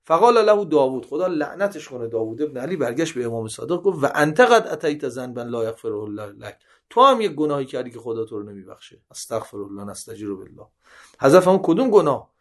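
A man giving a seminary lesson, reading Arabic narrations aloud and explaining each in conversational Persian, with sudden rises in pitch when he quotes. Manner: reads Arabic passages then paraphrases in colloquial Persian; animated, with sharp rises in pitch when quoting. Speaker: religious teacher.

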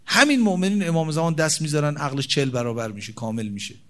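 Impassioned male preacher, rising and dropping. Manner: quotes Arabic hadith slowly, then explains in colloquial Persian; swings between loud emphatic peaks and soft low asides. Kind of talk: religious sermon.

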